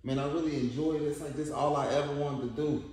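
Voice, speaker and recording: A man's voice: fairly high pitch, fairly even intonation, fast, darkish tone, a little hiss or hum. A young man talking in slangy, informal chat and rehearsed skit lines. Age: young adult. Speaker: skit performer. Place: indoor living room, on a couch. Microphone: phone camera a few feet away. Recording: echoey living room, music behind.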